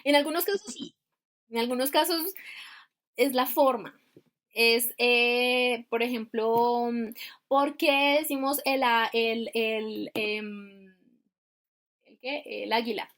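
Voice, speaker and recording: Woman, grammar instructor, video call, higher pitch, explanatory, rhetorical questions. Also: steady tone, slow, pauses often, a bit bright. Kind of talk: teaching over video call.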